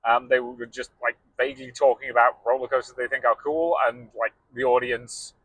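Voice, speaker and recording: A man co-hosting a podcast, relaxed and rambling in casual chat. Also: medium pitch, a little fast, dry recording, poor audio. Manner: relaxed, rambling with fillers like "um" and "you know". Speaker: podcast co-host.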